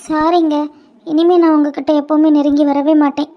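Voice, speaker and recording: A woman with a Kanyakumari Tamil accent voicing a hurt, tearful young woman in a cartoon, talking haltingly and repeating words. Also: high voice, little pitch movement, dull audio, close to an everyday voice. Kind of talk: cartoon voice acting.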